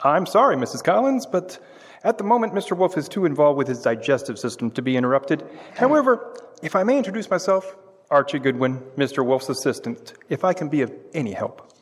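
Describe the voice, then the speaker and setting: A man playing a cocky, sarcastic detective's assistant in a live old-time radio drama, breezy and quick with a quip. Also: on the high side, big pitch swings, slightly rough. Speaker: stage radio actor. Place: historic courthouse, live on stage. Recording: long reverb of a courthouse hall.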